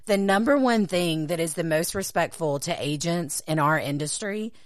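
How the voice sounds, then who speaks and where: A woman realtor, co-hosting a casual chat, emphatic and quick to laugh. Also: fairly low pitch, expressive, no room sound. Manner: emphatic, laughs often, slips into playful voices. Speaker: realtor and co-host.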